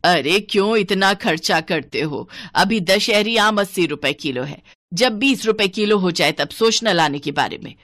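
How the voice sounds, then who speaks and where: A woman's voice: medium pitch, animated, a little slow, few pauses, fairly bright tone, no room sound. A woman doing a stingy, bossy old mother-in-law. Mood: grumbling. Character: miserly, scheming older mother-in-law. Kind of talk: cartoon voice acting.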